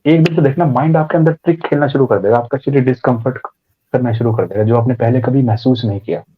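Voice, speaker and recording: A man's voice: medium pitch, fast, breathy edge, muffled recording. A man, a podcast guest, explaining meditation in a conversational way, acting out inner voices and using everyday examples.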